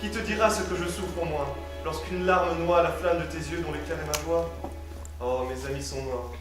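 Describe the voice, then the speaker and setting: A man's voice: a little high, fairly even intonation, moderate pace, close to an everyday voice. A man acting a tormented, despairing young male lover, declaiming verse with mournful sighs in an amateur stage rehearsal. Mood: anguished. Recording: echoey hall with loud music.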